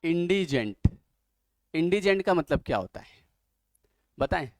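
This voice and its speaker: A man at a middle pitch leads a vocabulary lesson for exam students. He ribs the class with playful jabs and then reads each definition slowly and deliberately. The sound is close and dry. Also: a little mellow, dry recording. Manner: joking, teasing students between word lists. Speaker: vocabulary teacher. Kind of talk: online class lecture.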